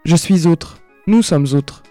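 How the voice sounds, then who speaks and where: A man reading aloud in the first person as a tired, worn-down butch narrator, speaking slowly. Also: a little high, dark tone, faint music behind. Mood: defiant.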